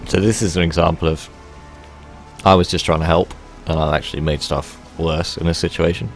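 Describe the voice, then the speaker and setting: A man with a low voice comments casually on his gameplay. He rambles, breaks off mid-thought and stays wry. Faint game music plays under his talk. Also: steady tone, a little fast. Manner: rambling, self-interrupting and wry. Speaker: let's play commentator.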